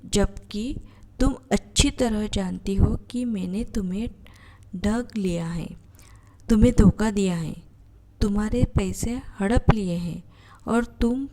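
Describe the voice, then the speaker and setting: Stern angry male employer, read by a woman, slow, mellow, fairly high. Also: a little hiss or hum. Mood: indignant.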